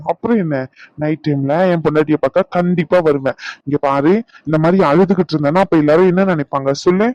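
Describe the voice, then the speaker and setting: A man's voice: fairly high pitch, a little mellow, dry recording, close to an everyday voice. A man voicing a teasing cartoon husband. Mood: comforting. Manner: playful, teasing, coaxing. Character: teasing affectionate young husband Ragu. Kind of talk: animated cartoon voice acting. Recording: dull lo-fi sound.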